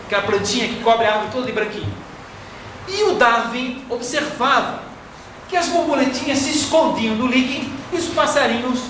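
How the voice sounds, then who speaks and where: A man from Florianópolis with a Brazilian Portuguese accent, giving a slow, didactic spiritist lecture. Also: very high voice, pushed and bright. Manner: didactic, slow and deliberate, fond of diminutives. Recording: echoey hall from far off, faint noise.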